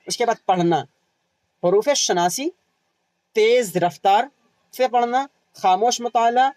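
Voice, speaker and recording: A man's voice: extremely high pitch, darkish tone, dry recording, low-quality recording. A man with an Indian Urdu accent teaching an exam-prep lesson, asking questions and answering them himself, repeating key terms and adding "hai na".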